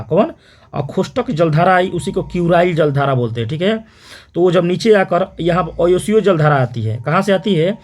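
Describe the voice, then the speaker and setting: A man teaching an exam-prep geography lesson, repeating terms and quizzing listeners with quick questions. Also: sits high. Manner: repetitive question-and-answer drilling, frequent "theek hai".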